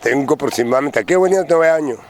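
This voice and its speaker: A man's voice: fairly high pitch, very fast. A man with a Colombian Caribbean coastal accent, a produce reseller, answering an interviewer in short plain phrases outdoors at a riverside market. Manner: plain-spoken, talks in short listing phrases. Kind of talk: on-the-street interview.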